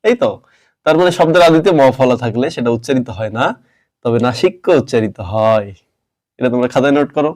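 A man teaching a pronunciation class, explaining step by step and quizzing his students with quick questions. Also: mid-range voice, darkish tone.

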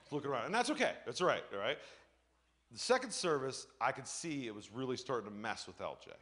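Male pastor, animated storyteller, bright voice, sermon delivery. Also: mid-range voice, quick pace. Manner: animated storytelling, acts out voices, shouts and laughs. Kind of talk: lively sermon with personal stories.

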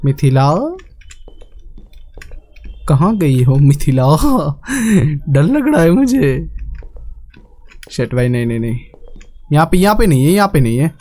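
A man's voice: on the high side, very animated, slow pace, pauses often, warm tone. A young man giving casual, jokey commentary on a horror game, often pleading with the game. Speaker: gaming YouTuber.

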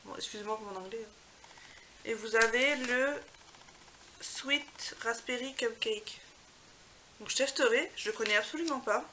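A woman beauty vlogger chatting casually to camera as she unwraps gifts, gushing and filling pauses as she goes. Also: fairly high pitch, pushed and bright, a little hiss or hum. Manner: gushing, chatty, filler-heavy. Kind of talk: casual unboxing chat to camera.

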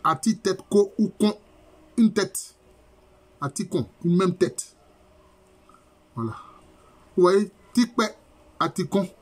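Husky-voiced professor explaining terms. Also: male voice, high-pitched. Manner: explains terms slowly, repeating key phrases. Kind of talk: university lecture.

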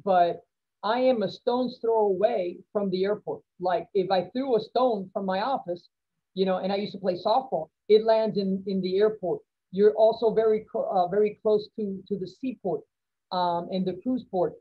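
A middle-aged woman speaks from her office webcam as a guest on a lecture call, upbeat and encouraging as she rattles off points. Her voice sits at an ordinary pitch. The call audio is dull and lo-fi. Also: steady tone. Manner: upbeat, encouraging, lists points in quick bursts. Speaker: city manager, guest speaker. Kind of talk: Zoom lecture Q&A answer. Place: office with poster on the wall. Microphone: laptop webcam on video call.

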